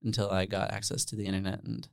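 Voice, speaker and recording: Relaxed low-voiced Dutch-born man. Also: fast talker, clean tone, dry recording, studio quality. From Netherlands. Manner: relaxed, rambling with many fillers. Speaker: podcast guest, musician. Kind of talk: casual interview chat.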